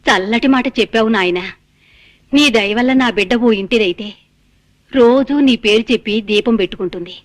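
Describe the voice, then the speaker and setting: A woman's voice: fairly high pitch, normal speed, lightly acted. An actress playing an ailing, hard-of-hearing old mother who complains and fusses in a film comedy. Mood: pleading. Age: older. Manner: plaintive, fussing, scolds gently. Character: old sickly mother, half-deaf and complaining. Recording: film soundtrack with music under.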